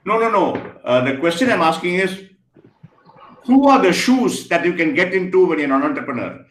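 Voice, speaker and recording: A man giving an energetic online lecture, firing questions at students and praising their answers. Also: high-pitched, normal speed. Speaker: guest speaker. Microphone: video call. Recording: echoey room, faint noise.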